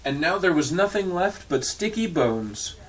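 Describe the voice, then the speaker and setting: In a low-quality recording, a man with a high, sing-song voice reads a storybook to an audience at a measured pace. His dry, irreverent asides are casual and occasionally include swearing.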